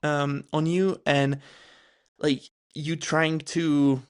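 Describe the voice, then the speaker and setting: A man from the Czech Republic with a Czech accent, hosting a podcast interview and asking questions in a halting way with many restarts and fillers. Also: on the high side, little pitch movement, clean tone. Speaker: podcast host. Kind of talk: casual interview chat.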